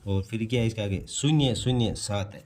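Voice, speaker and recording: Against slight background noise, a man with a fairly low, slightly mellow voice teaches at a moderate pace. The math teacher explains a primary-school lesson on a board step by step, classroom-style, asking questions and answering them himself.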